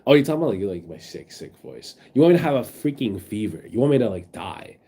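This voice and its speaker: A man's voice: medium pitch, very animated, quick pace, vocal fry, warm tone, slightly rough. A sick, sniffling man streaming from his phone, rambling in casual chat with his viewers and reading their messages aloud. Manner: rambling, reads chat aloud, many fillers.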